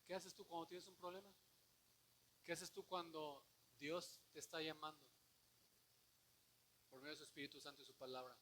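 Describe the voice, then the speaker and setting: A man preaching a sermon, asking the congregation rhetorical questions and swinging from quiet, low passages to loud declamation. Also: steady tone, moderate pace, long pauses, a little hiss or hum. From Mexico. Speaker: pastor.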